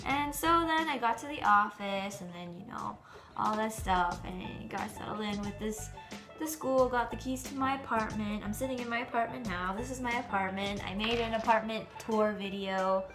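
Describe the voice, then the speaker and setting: A woman's voice: medium pitch, moderate pace, over music. A young woman vlogging from her apartment, telling a travel story in a chatty, enthusiastic way. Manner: chatty and enthusiastic, full of "like" and "you know". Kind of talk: casual travel storytelling to camera.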